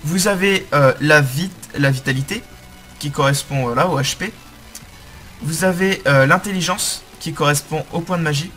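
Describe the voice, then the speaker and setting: A young man giving a game tutorial commentary, halting often with fillers and correcting himself as he explains the screen. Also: fairly high pitch, sharp tone, soft background music. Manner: hesitant, many fillers and self-corrections. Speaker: game guide host.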